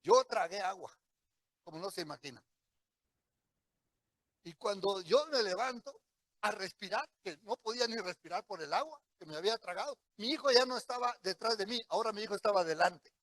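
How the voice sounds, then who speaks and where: A middle-aged male preacher with a strikingly high, bright, forceful voice. He preaches through a personal testimony, telling it vividly and acting out the lines people spoke. The sound is close and dry. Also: animated, brisk, no room sound. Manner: vivid storytelling, acts out what people said.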